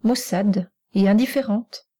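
A woman's voice: medium pitch, measured pace, warm tone, breathy edge. A woman reading the part of a stern but loving mother in an audiobook, speaking in a firm, curt way.

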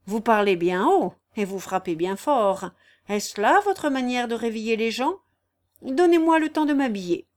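A woman's voice: a little high, expressive, normal speed, a little mellow, close to an everyday voice. A woman reading the lines of a threatening, ruthless young man in a storybook reading. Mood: mocking. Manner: threatening, commanding.

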